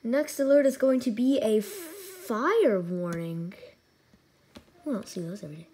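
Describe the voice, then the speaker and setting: A hobbyist video host casually demos a gadget hands-on, speaking in a slightly high, animated, unhurried and mellow voice while muttering asides to the device. The noisy recording is filled with emergency alert tones and sirens.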